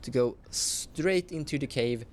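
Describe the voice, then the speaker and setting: A man narrating as game master of a tabletop horror game, in slow, halting speech with self-corrections. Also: mid-range voice, a little mellow, a little hiss or hum.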